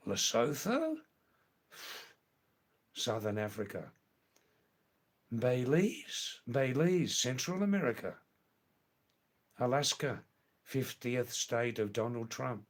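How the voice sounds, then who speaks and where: With a mid-range voice and a very animated delivery, an older man hosts a live stream. He casually talks with viewers, answering comments in a slow, rambling style that repeats words.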